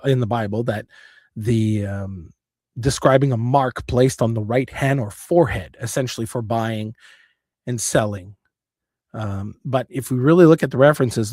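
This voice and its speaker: A man's voice: medium pitch, no echo. Earnest rambling man, dry close sound. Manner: earnest, rambling, with frequent restarts. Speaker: show host. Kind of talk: spoken monologue.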